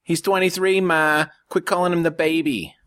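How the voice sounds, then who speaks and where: A man's voice: fairly high pitch, steady tone, moderate pace, a bit bright, voice pushed up, lightly acted. A man voicing a sarcastic, mocking young woman.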